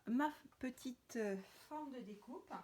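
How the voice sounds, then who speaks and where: A woman's voice: high-pitched, slow, a little mellow, slight background noise. Woman showing card crafting at her table, lots of ums, chatty, sometimes near a whisper. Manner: chatty, hesitant, many fillers and restarts. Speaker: crafting tutorial host. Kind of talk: casual craft demonstration.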